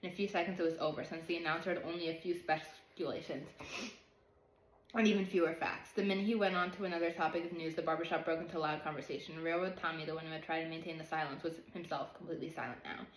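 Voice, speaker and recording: A woman's voice: sits low, fairly even intonation, fast talker, slight background noise. A woman reading a novel aloud carefully, sometimes stumbling on hard words. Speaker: reader. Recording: roomy echo.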